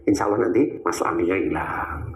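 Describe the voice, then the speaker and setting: A man's voice: deep voice, fast, vocal fry, a little hiss or hum. A man giving an Islamic religious talk, answering questions in a teasing way with many rhetorical questions. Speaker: Islamic preacher. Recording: echoey room.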